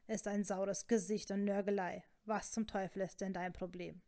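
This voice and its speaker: A woman's voice: mid-range voice, flat delivery, moderate pace, mellow, close to an everyday voice. A woman voicing a snarky, stubborn young wizard man with a dry, sarcastic drawl, in a storybook reading. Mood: snide.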